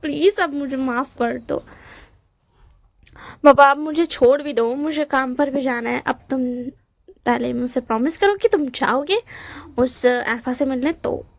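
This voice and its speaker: Woman voicing a gently pleading older brother. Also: sits high, measured pace, gravelly, dry recording. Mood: coaxing.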